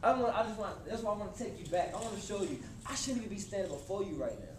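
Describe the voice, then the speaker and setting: A man in his twenties giving a motivational talk to a live college audience, casual and animated, speaking straight to the crowd. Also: sits high, rapid-fire. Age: 20s. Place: college hall before an audience. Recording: echoey hall with room noise.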